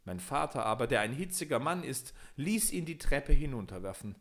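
A sorrowful enchanted owl princess, as a male reader puts her on in a storybook recording. Her voice sits noticeably higher and carries a plaintive, lamenting tone. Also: sing-song, normal speed, fairly bright tone. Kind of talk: audiobook reading of a fairy tale.

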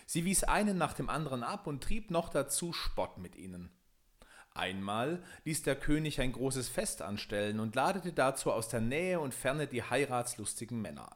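A man reading a fairy tale aloud in a lively, expressive way. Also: medium pitch. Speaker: storyteller.

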